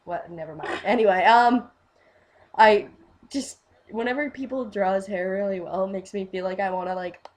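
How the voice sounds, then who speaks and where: A woman in casual fan chat, rambling and gushing, full of fillers, swinging from quiet asides to loud bursts. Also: medium pitch, moderate pace. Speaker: fan vlogger.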